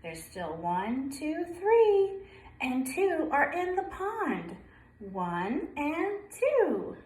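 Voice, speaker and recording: A woman preschool teacher reads a picture book aloud to young children at story time, asking prompting questions and counting in a sing-song way. Her high voice has huge pitch swings, drawn-out words, and a darkish tone, with a roomy echo around it.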